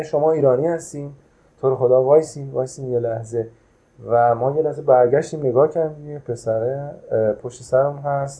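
A man's voice: medium pitch, mellow, poor audio. A man who manages a traditional hotel, casually recounting a travel memory with many hesitant filler sounds.

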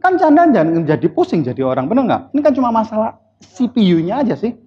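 A man's voice: high-pitched, big pitch swings, fast talker. A man giving a live motivational seminar, blunt and teasing, quizzing the audience with questions. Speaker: seminar speaker. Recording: dull lo-fi recording.

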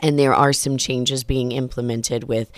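A woman's voice: a bass voice, steady tone, a little slow, dry recording, clean studio sound. A woman hosting a radio interview, introducing the guest and asking questions. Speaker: radio host.

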